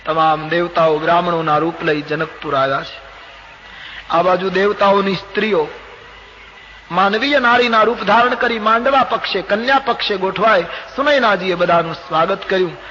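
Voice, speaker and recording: A man's voice: high-pitched, normal speed. An older man with a Gujarati accent, telling a devotional scripture story and acting out the characters' lines with expression. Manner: expressive, acts out dialogue of gods and characters. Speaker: storyteller preacher. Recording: dull lo-fi old recording with faint hiss.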